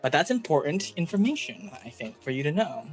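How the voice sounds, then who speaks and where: A man's voice: a little high, big pitch swings, a little fast, slightly rough. A man narrating a tabletop game casually as game master. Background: faint music.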